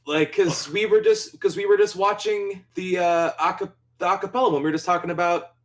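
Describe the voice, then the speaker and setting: A young man co-hosting a podcast in casual chat, talking excitedly, rambling with lots of fillers and swearing freely. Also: high-pitched, a little fast. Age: young adult. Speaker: podcast co-host.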